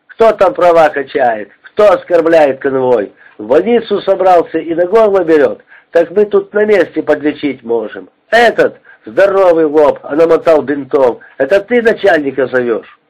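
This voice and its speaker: A man reading the part of a hoarse, bossy male prison-camp convoy chief barking orders. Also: a little high, animated, moderate pace, darkish tone. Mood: commanding. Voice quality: hoarse tenor. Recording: dull lo-fi recording.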